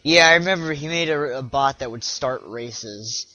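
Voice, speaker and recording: A man's voice: mid-range voice, sharp tone, no echo. Young man chatting on lo-fi stream. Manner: chatty, halting, frequent restarts and repeats. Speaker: speedrunner streaming live. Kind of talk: casual live-stream chat. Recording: lo-fi stream audio.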